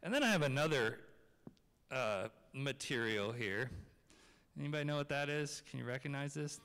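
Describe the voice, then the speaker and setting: A man's voice: medium pitch, lively intonation, moderate pace, a bit bright, smooth. Casual man talking to children in church. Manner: casual, conversational, asks children questions. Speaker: children's message leader. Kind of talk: children's sermon. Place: large church sanctuary, seated on chancel steps. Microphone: handheld microphone. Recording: long reverb of a church hall.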